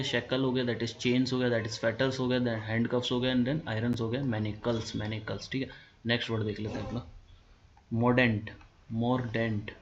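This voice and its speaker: A man with an Indian accent teaching English vocabulary in a casual lesson. He repeats each word several times and spells words out letter by letter. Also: medium pitch. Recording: dull lo-fi sound with clear background noise.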